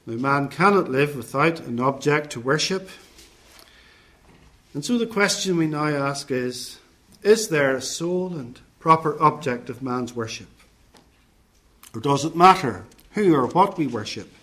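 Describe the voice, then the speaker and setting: Slow, measured preacher man with raised pitch. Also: lively intonation, fairly bright tone. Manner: slow, measured, deliberate preaching with listed phrases. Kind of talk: sermon.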